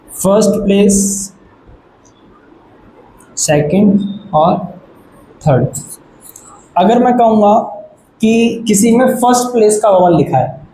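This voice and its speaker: High-voiced man teaching patiently. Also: mellow. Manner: patient, repeats "ठीक है" to check understanding. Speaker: shorthand teacher. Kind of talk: board lesson explanation. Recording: echoey room, faint background noise.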